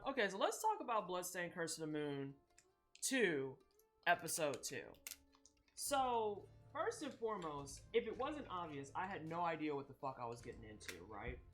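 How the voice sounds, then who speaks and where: Lady streamer baking and chatting, swears a lot, lowish voice that swoops around, faint music behind. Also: normal speed. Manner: profane, animated storytelling. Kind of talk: casual live-stream chat while baking. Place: home kitchen.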